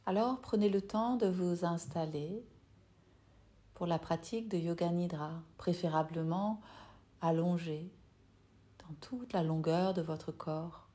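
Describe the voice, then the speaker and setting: In a lowish voice, a woman teaching yoga nidra leads a meditation, gentle and calming, never rushed, with long silences between her words.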